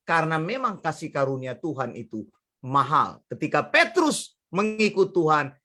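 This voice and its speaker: A male pastor delivering a sermon with a high-pitched voice. He preaches in a lively, chatty storytelling manner, chuckling as he goes and speaking straight to his listeners.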